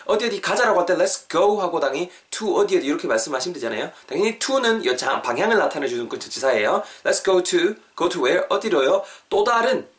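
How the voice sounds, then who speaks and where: A man hosting a podcast English lesson, chatty and questioning his listeners, slowing down to repeat example phrases. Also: fairly high pitch, fairly bright tone, distant mic. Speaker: English teacher, podcast host.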